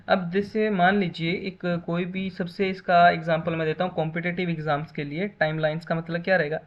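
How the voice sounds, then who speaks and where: A man's voice: sits high, highs cut off. A man teaching a basic computer class in a lecture style, explaining with everyday examples and often checking back with "है ना".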